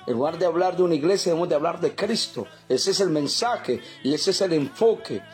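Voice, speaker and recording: A high-voiced man from El Salvador preaches a sermon briskly and fervently, repeating his points and addressing his listeners as brothers. Soft music plays faintly in the background.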